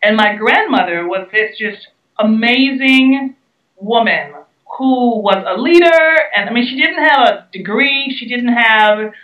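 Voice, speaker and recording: A woman's voice: on the high side, animated, a little slow, fairly bright tone. A woman from the Bahamas answering interview questions in an earnest, emphatic way, leaning on repeated key words. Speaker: guest speaker and entrepreneur. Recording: roomy, distant, dull sound.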